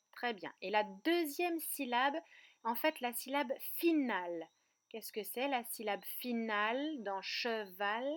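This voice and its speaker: A woman teaching a remote kindergarten lesson, speaking slowly and clearly and breaking words into syllables. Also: a little high. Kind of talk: remote lesson for young children. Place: outdoor terrace at night.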